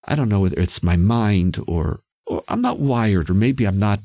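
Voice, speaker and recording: In a clean studio with no echo, a Canadian-accented man with a husky, creaky, low-sitting voice and a dark tone explains his thinking reflectively in conversation. He speaks animatedly at normal speed, his pitch swinging widely, and he presses his points emphatically, often repeating a phrase.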